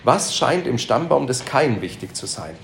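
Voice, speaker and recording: A man's voice: mid-range voice, very animated, moderate pace, creaky, slight background noise. A man teaching a Bible lesson to a live group, asking them questions and repeating their answers, with emphatic repetitions. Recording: echoey room.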